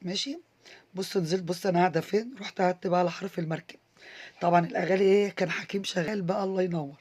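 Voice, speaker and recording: Husky, fast-talking Egyptian woman vlogger. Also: on the low side, a little mellow. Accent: Egyptian Arabic. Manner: chatty, enthusiastic, addresses viewers directly. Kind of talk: casual vlog voice-over.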